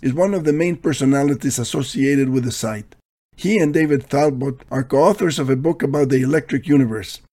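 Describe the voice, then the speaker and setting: A man's voice: on the high side, mellow. A man reading scripted commentary in a dry, questioning, critical manner.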